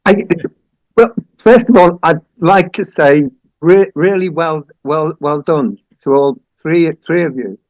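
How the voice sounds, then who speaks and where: Slow, halting man on a dull recording. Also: a little high, darkish tone, no room sound. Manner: hesitant, halting, repeats words. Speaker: host of a play-reading group. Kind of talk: informal discussion introduction.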